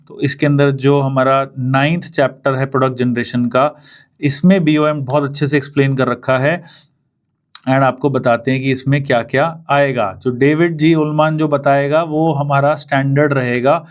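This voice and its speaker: A young adult man from India giving a casual classroom explanation as a trainer, mixing Hindi and English and explaining with everyday examples. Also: medium pitch. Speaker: CAD trainer.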